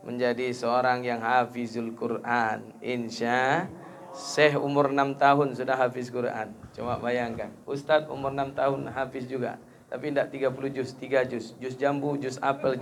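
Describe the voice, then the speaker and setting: Bright-voiced man preaching. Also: a little hiss or hum. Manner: rises to loud high-pitched emphasis, joking asides. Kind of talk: sermon.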